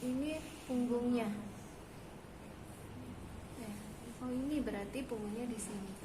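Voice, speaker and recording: A woman's voice: on the high side, fairly even intonation, measured pace. A woman instructor demonstrating a prenatal exam step by step and checking that her students understand. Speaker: midwifery instructor. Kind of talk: hands-on clinical demonstration. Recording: echoey room with background noise.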